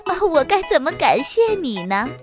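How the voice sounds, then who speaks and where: A kindly, gushing neighbor lady from a children's storybook, as a woman storyteller puts her on. Her voice rises a little and lingers warmly on each phrase. Soft music plays under her. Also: high voice, sing-song, moderate pace. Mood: grateful. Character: kind, relieved older neighbor lady.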